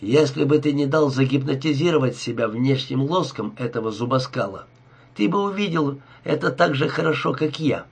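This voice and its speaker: A man's voice: medium pitch, animated, normal speed, breathy edge. A man voicing a cold, scheming male crook who talks with sneering irony, in an audiobook reading. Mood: scornful. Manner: sneering, ironic.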